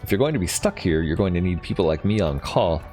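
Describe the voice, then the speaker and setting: A man's voice: low voice, lively intonation, fast, a little mellow, soft background music. A man reading as a cool corporate executive. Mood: guarded. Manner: reads dialogue aloud, plain voice, no accent attempted. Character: cool, guarded male corporate vice president.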